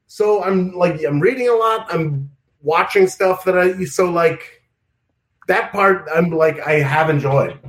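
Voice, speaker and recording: A man's voice: high voice, takes it slowly, a bit bright, roomy sound. Rambling guy with New York accent. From Oregon. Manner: rambling, loose, lots of fillers. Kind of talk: casual remote chat.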